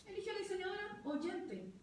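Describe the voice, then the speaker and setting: A woman's voice: extremely high pitch, sing-song, brisk, very echoey. Woman interpreting at a panel, choppy short phrases, far from the mic, faint room hum. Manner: speaks in short clipped phrases. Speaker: sign language interpreter voicing a deaf speaker. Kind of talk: live first-person interpreting at a panel talk.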